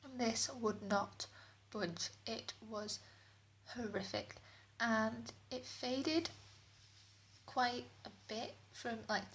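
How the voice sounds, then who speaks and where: A woman chatting casually through a beauty product review, recorded in a small bathroom that gives her voice an echo. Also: on the high side. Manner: chatty, rambling. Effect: room echo off bathroom walls. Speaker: beauty vlogger.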